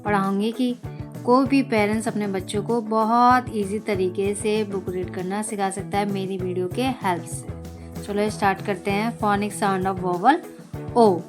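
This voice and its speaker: A woman teaching children phonics, sounding out each letter slowly and then saying the whole word loudly. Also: mid-range voice, steady tone, over music. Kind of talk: slow phonics lesson for children.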